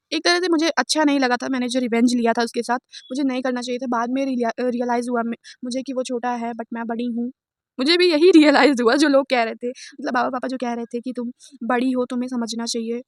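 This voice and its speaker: A woman's voice: high-pitched, no room sound. A young woman telling a storytime vlog in a casual, chatty way, laughing often and mixing in English words. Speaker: vlogger.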